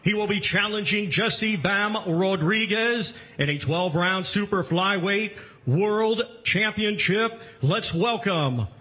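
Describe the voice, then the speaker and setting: A man working as a ring announcer, hosting a boxing event with formal introductions and booming, drawn-out names. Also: bright, forceful tone.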